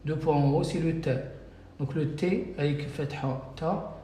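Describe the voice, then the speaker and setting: With a fairly high, unhurried and mellow voice, a man teaching Arabic on a live stream reads viewer names aloud and patiently fixes each in turn. The phone recording carries room echo and faint noise in the background.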